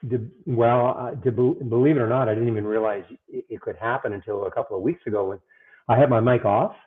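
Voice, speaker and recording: A man's voice comes through muffled, as if from the other side of a wall, picked up by earbuds rather than a proper mic. The sound is thin and phone-like. He talks in a flustered, halting way, full of fillers and restarts. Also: medium pitch, steady tone. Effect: muffled, as if heard through a wall. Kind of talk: casual chat. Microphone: earbuds instead of his microphone.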